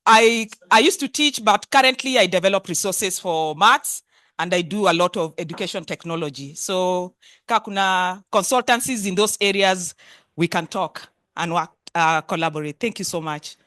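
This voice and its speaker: A woman's voice: fairly low pitch, normal speed, fairly bright tone, no echo, studio quality. A Kenyan woman giving an informal, hesitant self-introduction, mixing English with some Swahili. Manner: hesitant, giggly. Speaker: guest introducing herself.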